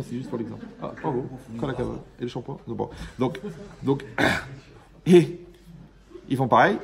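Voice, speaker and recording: A man's voice: medium pitch, vocal fry, a little hiss or hum. A man, a rabbi, giving an informal Torah lesson to a live audience, joking and quizzing his listeners as he goes. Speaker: rabbi teaching a class.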